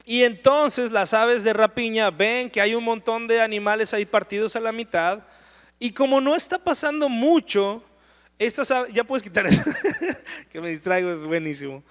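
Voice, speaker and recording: A man's voice: sits high, normal speed, fairly bright tone, smooth, in a large hall. A man preaching a verse-by-verse Bible study in an earnest, conversational way. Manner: conversational, earnest, with rhetorical "¿no?" asides.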